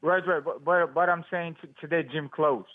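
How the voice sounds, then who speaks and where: Man, gym worker answering phone, slightly high voice, tinny phone-line sound, clipped halting phrasing. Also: steady tone, dry recording. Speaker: boxing gym staff on the phone.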